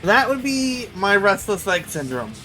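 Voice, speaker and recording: A man's voice: high-pitched, sing-song, measured pace, sharp tone, soft background music, poor audio. A man chatting casually with friends while gaming, joking around and stammering a little when unsure. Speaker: gamer.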